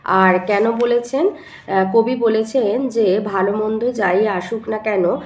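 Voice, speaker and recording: A woman's voice: mid-range voice, fairly even intonation, slow, a little mellow. A woman teacher going through exam questions, reading each one aloud and then dictating the answer step by step. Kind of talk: exam answer walkthrough lesson. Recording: echoey room.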